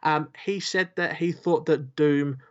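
A man's voice: on the high side, fairly even intonation, measured pace. Rambling podcast host man, lo-fi sound. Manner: rambling, filler-heavy, joking. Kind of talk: casual podcast chat.

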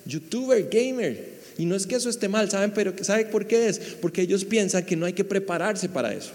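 A male pastor preaching a sermon, lively and conversational, putting questions to the audience. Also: sits high, brisk, in a large hall.

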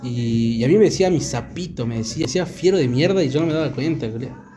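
A man's voice: medium pitch, quick pace, mellow. A young man from Argentina with a Córdoba accent, hosting a podcast and teasing his friend through laughter. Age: young adult. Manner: teasing, laughs while talking. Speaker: podcast host. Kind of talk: casual chat.

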